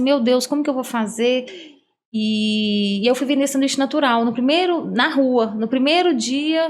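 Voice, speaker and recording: A middle-aged woman, a psychologist telling her life story in an interview, heartfelt and earnest. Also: a little high. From Brazil, Minas Gerais. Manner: earnest, heartfelt, acts out quoted dialogue. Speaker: guest psychologist. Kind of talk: personal storytelling in a podcast interview.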